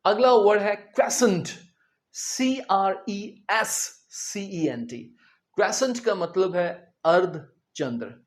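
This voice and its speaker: Slow-speaking male teacher. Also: sits high, lively intonation. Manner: spells words letter by letter and explains them simply; addresses the students directly with questions. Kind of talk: vocabulary lesson.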